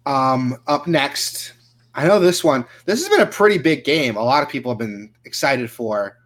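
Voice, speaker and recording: A man chatting through game news on a podcast in an easygoing, profane way. He leans on "um" and "like" as he goes, with a middle-pitched everyday voice. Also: lively intonation, normal speed, a bit bright. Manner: casual, swears freely, lots of fillers. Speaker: podcast co-host. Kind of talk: casual gaming news chat.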